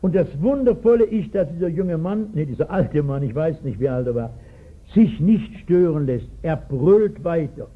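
A man in his sixties with a fairly high pitch and lively intonation speaks at normal speed. As a pastor, he narrates a Bible story in his sermon with emphasis and frequent questions to the listeners; the 1960s recording sounds tinny.

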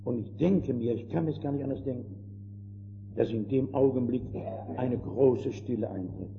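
An older man preaching a fervent sermon, calling his listeners friends and swinging between hushed and emphatic delivery. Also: mid-range voice, moderate pace, vocal fry. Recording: dull lo-fi old sermon recording with faint noise.

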